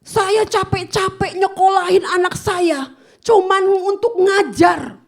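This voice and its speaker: A woman's voice: extremely high pitch, flat delivery, a little fast, voice pushed up. A woman voicing an irate middle-aged mother who scolds shrilly over her child. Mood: angry scolding.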